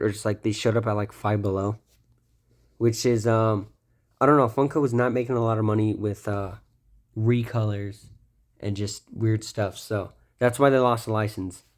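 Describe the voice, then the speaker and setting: Here a young man with a fairly low, darkish voice rambles through a casual show-and-tell of his toys. Lots of ums and self-corrections fill his speech, and a cold makes him sound a little stuffy.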